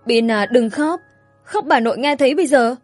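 A woman's voice: sits high, normal speed, soft background music, pitched above the performer's own voice. A woman voicing a polite, helpful young boy in a spoken story. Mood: polite, calling.

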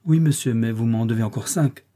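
A man reading an audiobook, voicing a reserved and firm young woman governess in measured, restrained dialogue. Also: mid-range voice, mellow, close to an everyday voice. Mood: earnest.

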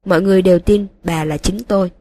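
A woman voicing a broken young male wizard who confesses in a flat, emotionless monotone, in an audiobook reading. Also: lowish voice, quick pace, no room sound.

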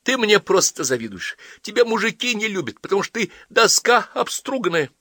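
A man reading an audiobook voices an angry, tearful teenage girl in high, shrill outbursts. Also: animated, fairly quick, pushed and bright, no room sound, studio quality. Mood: upset, tearful.

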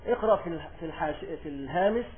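A man with an Egyptian accent teaches in a high voice, reading quoted lines slowly and loudly before explaining them. He keeps circling back with repeated phrases and rhetorical questions. The lecture comes through a thin, tinny recording. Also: animated, a little hiss or hum. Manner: reads quoted text slowly and louder. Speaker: religious teacher.

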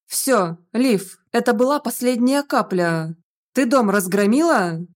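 A woman's voice: fairly high pitch, expressive, unhurried. A woman voicing a stern middle-aged male academy rector scolding his daughter, exasperated.

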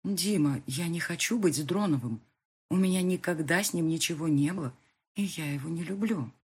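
A woman reading an audiobook, voicing a distraught young heroine in a husky, pleading voice. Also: lowish voice, normal speed, a little mellow. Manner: pleading, tearful.

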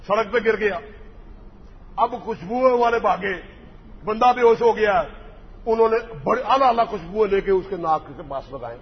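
High-voiced preacher in a hall. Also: male voice. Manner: mocking, impassioned, acts out dialogue. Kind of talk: sermon with storytelling. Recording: dull lo-fi hall recording with faint noise.

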